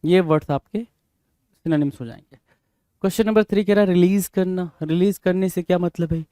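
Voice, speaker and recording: Here a man with a high, steady voice and a dark, clear, resonant tone runs an exam-prep vocabulary lesson at normal speed. He spells English words out letter by letter, regularly asking "bhai?" as a rhetorical prompt. The recording is dry and studio quality.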